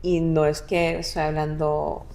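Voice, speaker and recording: A young adult woman talking casually with her mother, often pausing and restarting as she searches for words. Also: low voice, flat delivery, darkish tone, a little hiss or hum. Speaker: guest, adult daughter. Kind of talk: casual podcast conversation.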